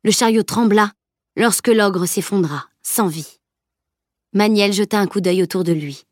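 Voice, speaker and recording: A woman reads an audiobook aloud in a measured, even manner. Her voice sits at a middle pitch. The recording is close and dry, with no room sound. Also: no echo. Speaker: audiobook narrator. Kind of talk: scripted audiobook narration.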